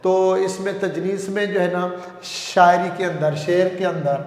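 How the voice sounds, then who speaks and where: A man's voice: high-pitched, steady tone, a little mellow. Man lecturing in an echoey hall. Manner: repetitive, explains slowly with examples. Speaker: Urdu grammar lecturer. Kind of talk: classroom lecture. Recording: echoey classroom with long reverb.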